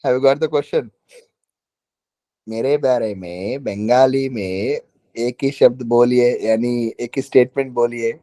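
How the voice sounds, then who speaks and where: A man's voice: medium pitch, very fast, mellow, no room sound. A man with a South Indian accent teaching an informal online class, often repeating phrases and checking that students follow. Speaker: teacher of a current affairs exam class.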